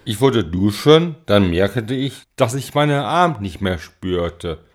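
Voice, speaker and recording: A man acting out a frightened man whose body is failing him, his speech slow and strained. The voice rises and falls in lively swings. Each word comes with effort. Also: lowish voice, exaggerated voice. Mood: anxious, slow. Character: frightened middle-aged man losing control of his body.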